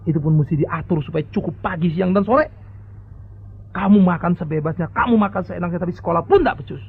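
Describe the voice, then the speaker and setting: A man doing an angry shouting father. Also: high-pitched, fast, slightly rough, exaggerated voice. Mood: scolding. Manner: shouting and scolding. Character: angry self-made father scolding his spoiled son. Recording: narrow phone-like lo-fi audio.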